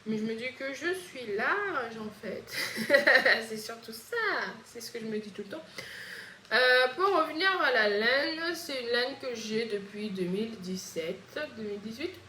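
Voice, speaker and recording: A woman's voice: fairly high pitch, expressive, bright, forceful tone, slight background noise. A woman from Réunion with a Réunion French accent, chatting casually and hesitantly as host of a knitting podcast. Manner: chatty, hesitant, frequent pauses. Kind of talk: casual chat. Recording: echoey room.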